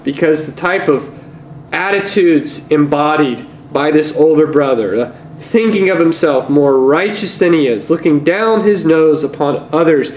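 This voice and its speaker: A man preaching a sermon in a church, earnest, slowing on key words and firing off rhetorical questions. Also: fairly high pitch, a little mellow, a little hiss or hum, poor audio. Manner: slows and stresses key words. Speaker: pastor.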